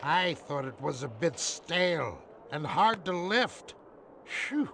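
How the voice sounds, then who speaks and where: A man's voice: fairly high pitch, very animated, takes it slowly, gravelly, a little hiss or hum, full character voice. An actor playing a muddled, pompous old superhero in a cartoon game, with a theatrical, wavering old-man voice. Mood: befuddled. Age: older. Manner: pompous, absent-minded. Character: doddering, muddled old male superhero, grandly dramatic. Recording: loud music behind the voice.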